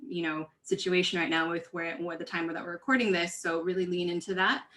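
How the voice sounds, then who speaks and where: A woman from California speaks on a webinar panel with a bright, forceful tone. Her delivery is earnest and conversational, full of fillers and self-corrections, set a little low in pitch. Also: fairly even intonation, brisk. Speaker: diversity and inclusion coach, panelist.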